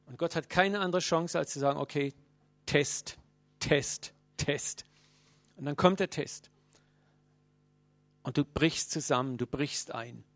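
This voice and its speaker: Male preacher with a raised, gravelly voice, earnest sermon delivery, addressing the congregation directly. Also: a little high, no echo. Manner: earnest preaching, speaks straight to listeners, swings between loud and hushed.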